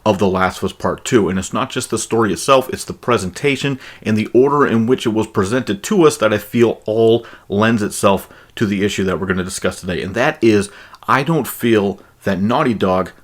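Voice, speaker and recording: A man talking straight to his viewers as a gaming commentator, making an emphatic, argumentative case in his opinion commentary. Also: fairly quick. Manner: emphatic, argumentative, mocks enemy voices in high falsetto. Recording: console capture voice-over.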